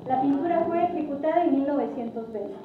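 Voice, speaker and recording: A woman's voice: high-pitched, a little fast. A woman giving a guided tour explanation in a didactic way, often putting questions to her group. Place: large echoey indoor room. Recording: lo-fi, noisy, very echoey, distant mic.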